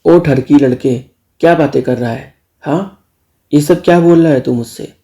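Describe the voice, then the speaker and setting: Man doing a gravelly teasing uncle. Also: on the high side, moderate pace, mellow. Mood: scolding. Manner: teasing, scolding. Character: teasing bossy middle-aged uncle.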